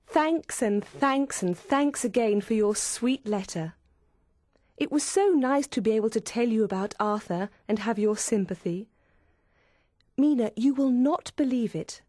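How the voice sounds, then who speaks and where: A woman's voice: on the high side, darkish tone, dry recording, studio quality. A woman voicing a young woman who reads out confiding, gushing letters to her friend.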